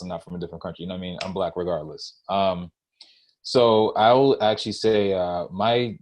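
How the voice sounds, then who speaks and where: Easygoing deep-voiced man from Jamaica. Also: darkish tone. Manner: easygoing, informal. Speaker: counseling intern and educator. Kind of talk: panel introduction.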